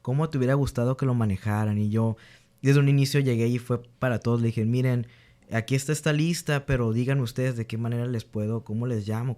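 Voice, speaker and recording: A man's voice: medium pitch, darkish tone. A young man, a teacher being interviewed, earnestly telling stories about his students and acting out their exchanges, with frequent restarts. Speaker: guest, teacher. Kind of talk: candid interview storytelling.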